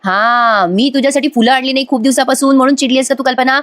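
Woman doing a middle-aged husband from a soap recap, teasing and defensive, coaxing questions, pitched up. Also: steady tone, quick pace, fairly bright tone.

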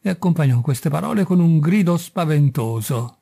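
A man reads a storybook aloud in a steady, measured way. His voice is a little high for a man, yet dark and mellow. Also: gravelly, slightly rough. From Italy. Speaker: audiobook reader. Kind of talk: storybook narration.

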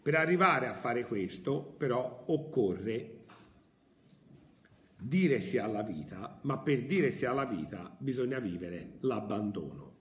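Emphatic male teacher, lively pitch. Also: takes it slowly, a little hiss or hum. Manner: emphatic, theatrical, rhetorical questions. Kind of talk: philosophy lecture. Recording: echoey room.

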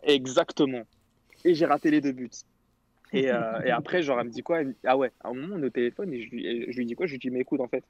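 A man's voice: mid-range voice, quick pace, no echo, dull audio. A young man telling a long story in casual slangy chat on a radio show, quoting others as he goes. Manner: rambling, slangy, quotes others.

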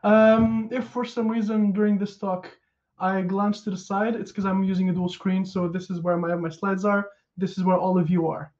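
A Portuguese conference speaker in his thirties gives a relaxed technical talk into a headset from a small room at home, filling pauses with ums and uhs. His high voice is mellow and warm at a normal speed, and the audio is dull and lo-fi, like a video call.

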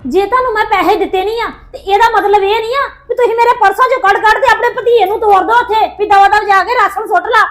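A woman playing a furious young wife in a home-made family skit. She wails and loudly accuses her mother-in-law of stealing her money. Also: very high voice, quick pace, few pauses. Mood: accusing. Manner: loud wailing complaints, repeated cries of distress.

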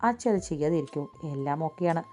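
A woman reading a doting middle-aged father who fusses over his daughter. The voice is low, warm and fond. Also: lively intonation, fast, soft background music.

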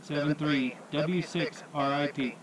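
A man making a ham radio call from a summit, spelling his call sign in phonetic alphabet in a measured, repeating way. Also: a little high, fairly even intonation, a crowd in the background, rough recording. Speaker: portable ham radio operator. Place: outdoors on a mountain summit.

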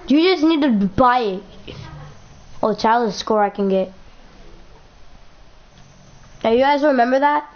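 A woman's voice: a little high, animated, measured pace, long pauses, highs cut off. A young woman talking casually over her basketball video game, chatting in a playful way and often repeating herself. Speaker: gaming YouTuber. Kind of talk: casual gameplay commentary.

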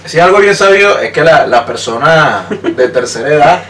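A man's voice: a little high, animated, moderate pace, a bit bright. A young man with a Venezuelan accent, co-hosting a podcast with teasing, playful remarks. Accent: Venezuelan Spanish. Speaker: podcast co-host. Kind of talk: casual chat. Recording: distant mic with faint noise.

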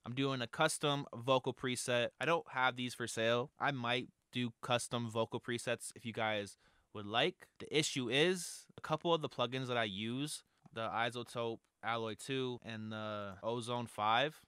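Teaching vocal mixing in a casual, upbeat way, a young music producer speaks at a normal speed in a medium-pitched voice that sounds pushed, bright, clear, and resonant. He sits close to an arm-mounted studio microphone in his home studio, and the recording is dry.

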